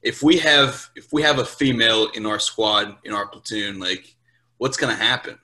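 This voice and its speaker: A Portuguese-speaking man in his 20s, a US Marine sergeant, chats informally as a podcast guest; he's from Brazil and later lived in Portugal, England and Louisiana. His voice is on the low side, bright and forceful at a normal speed, though the audio is poor. He swears casually and checks in with "right?"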